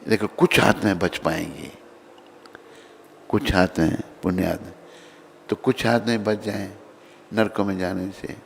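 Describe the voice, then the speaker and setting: Gravelly-voiced male preacher in a hall. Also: low voice, unhurried, pauses often, a little hiss or hum. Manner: animated, acts out characters' voices. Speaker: swami preacher. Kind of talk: devotional sermon storytelling. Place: temple hall. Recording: reverberant hall.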